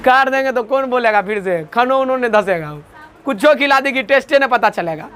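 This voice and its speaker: High bright-voiced man teaching a class. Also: animated, moderate pace, some chatter behind. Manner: repetitive call-and-response drilling, joking. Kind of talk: classroom lecture with memory tricks.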